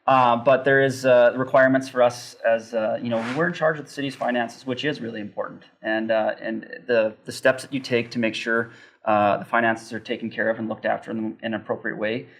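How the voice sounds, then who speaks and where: Flat-voiced councillor man explaining. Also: mid-range voice, brisk, slight background noise. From Canada. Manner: steady explanatory, frequent ums. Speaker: city councillor. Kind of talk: casual civic discussion.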